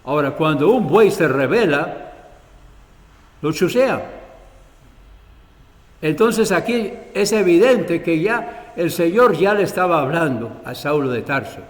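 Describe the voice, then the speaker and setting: A man with a Costa Rican accent preaching a sermon in church, retelling scripture in a folksy, animated way. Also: a little high, big-room sound. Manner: colloquial storytelling, acts out the scripture.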